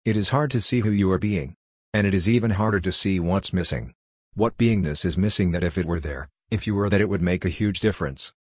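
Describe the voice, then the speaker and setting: A man's voice: low-pitched, brisk, breathy edge, dry recording, clean studio sound. A man speaking as a life coach in a reflective self-help monologue, earnest and talking straight to the listener. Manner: earnest, direct, addresses the listener.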